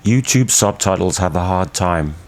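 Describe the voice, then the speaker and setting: A man narrating a scripted vocal tutorial in a formal, measured, explanatory way. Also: low voice, expressive. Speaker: growling tutorial instructor.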